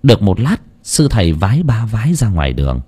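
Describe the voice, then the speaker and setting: A man narrating an audio story with expressive storytelling. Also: fairly low pitch, a little fast, slightly rough.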